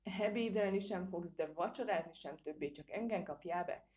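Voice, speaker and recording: A woman's voice: low voice, big pitch swings, warm tone. A woman voicing a bold, clever little male squirrel in a storybook reading, daring and cheeky. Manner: cheeky, daring, quick exclamations. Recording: dull lo-fi recording.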